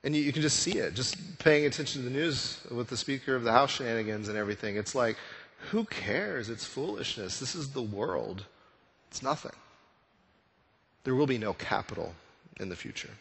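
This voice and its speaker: A man's voice: mid-range voice, a little fast, vocal fry, a bit bright. A male pastor preaching a conversational sermon, full of rhetorical questions. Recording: long reverb of a church hall.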